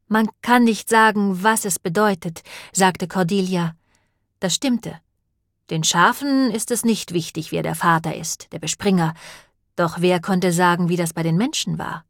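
A woman narrating an audiobook in an even, measured way. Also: fairly low pitch, no room sound, studio quality. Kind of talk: scripted narration.

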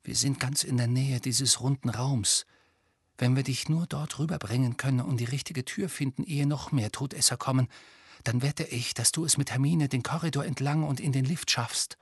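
A man reading an audiobook, voicing a frightened but resolute teenage boy who speaks in a hushed, urgent way. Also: medium pitch, steady tone, normal speed, breathy edge, dry recording, studio quality.

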